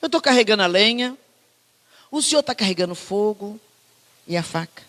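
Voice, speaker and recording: A woman's voice: medium pitch, lively intonation, normal speed, a bit bright, big-room sound, natural voice. A woman pastor with a Brazilian Portuguese accent voicing a devoted teenage son who speaks tenderly and respectfully to his father. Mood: dutiful.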